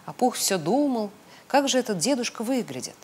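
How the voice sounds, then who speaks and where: Storybook narrator: woman with a slightly husky voice and a lively, swooping delivery. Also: fairly high pitch, normal speed. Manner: expressive, sing-song storytelling. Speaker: storybook reader. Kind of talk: children's audiobook narration.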